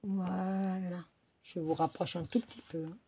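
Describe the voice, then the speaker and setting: As she works on cards at home, this French crafting video host rambles to herself in casual tutorial chat, full of fillers and restarts. She speaks unhurriedly in a low, level, warm voice with vocal fry, and slight background noise comes through the phone or camera filming her work table indoors.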